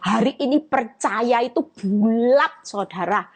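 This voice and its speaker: A woman's voice: on the high side, a little slow, breathy edge. A woman evangelist preaching a sermon on a live stream, addressing her listeners directly and acting out the voices of Jesus and Peter. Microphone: phone or laptop on a live stream.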